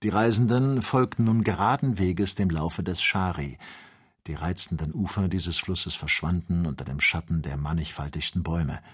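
A man narrating an audiobook in an even, descriptive storytelling manner. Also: low voice, normal speed, slightly rough. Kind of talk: scripted narration.

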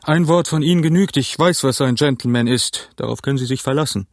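A man voicing a jovial, cunning one-legged pirate leader, talking in a smooth, mock-polite way in an audiobook. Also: medium pitch, moderate pace, no echo, clean studio sound, natural voice. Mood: cheerful. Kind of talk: audiobook character voice.

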